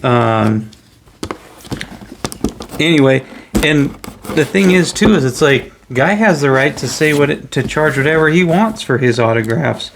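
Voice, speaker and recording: A man's voice: fairly high pitch, animated, unhurried, gravelly, long pauses, background noise. A man in a casual hobby vlog, rambling opinions while counting pieces aloud. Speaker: hobby vlogger. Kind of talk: casual rambling commentary while building a set. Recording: loud crinkling of plastic bags. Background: crumpling bags and shuffling pieces.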